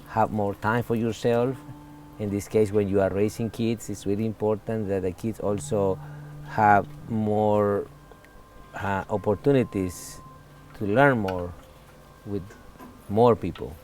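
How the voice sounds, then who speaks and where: A man's voice: on the low side, a little mellow, slight background noise. Candid Salvadoran man in his forties. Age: 40s. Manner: earnest, candid, halting non-native English. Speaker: interviewee. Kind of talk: casual interview talk.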